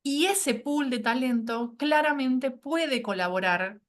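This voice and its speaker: A fairly high-voiced woman presents a course while a bit sick with a cold. She speaks with hesitant fillers and often checks in with her listeners through little tag questions. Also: slow pace. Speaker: course instructor. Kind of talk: online presentation.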